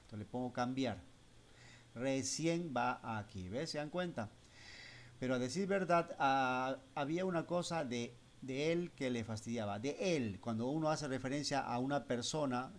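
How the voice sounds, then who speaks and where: A man teaching a class of children, patiently explaining a computer program step by step and asking them questions as he goes. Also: mid-range voice. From Spanish-speaking Latin America. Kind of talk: screen-recorded software lesson.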